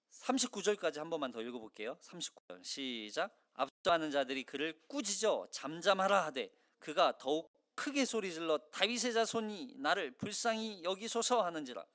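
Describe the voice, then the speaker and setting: A male pastor giving a Sunday sermon in a conversational, animated way, acting out the voices of the crowd. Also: fairly high pitch. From South Korea.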